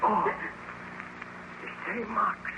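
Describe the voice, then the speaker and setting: A man's voice: extremely slow, muffled recording. A male actor playing a grave, determined baron in an old-time radio horror drama, speaking with formal, earnest delivery. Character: grave, determined baron hunting his monstrous creation. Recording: noisy old radio recording.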